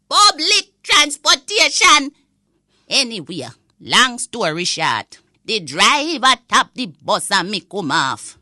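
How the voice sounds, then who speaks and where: A woman's voice: fairly high pitch, bright, forceful tone, no echo, studio quality, full character voice. A woman voicing a cranky old Jamaican granny in a comic audio rant, indignant and scolding in Patois. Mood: outraged.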